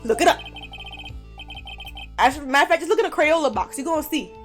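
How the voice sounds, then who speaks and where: A young woman streaming a game live, chatting in an animated, slangy, blunt way at her streaming microphone. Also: high voice, fast talker, soft background music. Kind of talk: casual live gameplay commentary.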